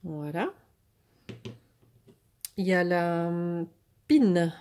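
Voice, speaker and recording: Mellow-voiced woman chatting through a haul. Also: lowish voice, animated, drawn-out words. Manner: hesitant, many fillers and restarts; enthusiastic about the products. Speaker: craft vlogger showing a product haul. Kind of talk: casual product haul chat.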